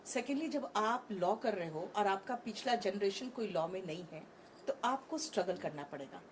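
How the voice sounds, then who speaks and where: A woman's voice: mid-range voice, lively intonation, moderate pace, slight background noise. A woman in her thirties, an online English teacher, talking frankly and animatedly in an interview on a conference stage, mixing Hindi with English.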